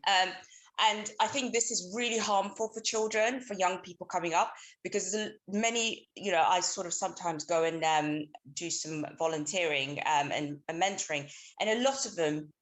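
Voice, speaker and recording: A woman in her thirties, from Somalia, speaks over a remote call with a low voice. She talks hesitantly, with many ums and restarts, as she puts her points to a book talk. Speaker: audience caller. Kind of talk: casual remote question.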